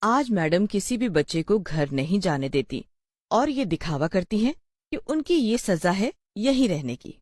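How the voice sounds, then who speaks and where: A woman's voice: mid-range voice, sing-song, measured pace, darkish tone, no room sound, studio quality. A woman telling a scripted horror story as narrator, with a dramatic storytelling manner.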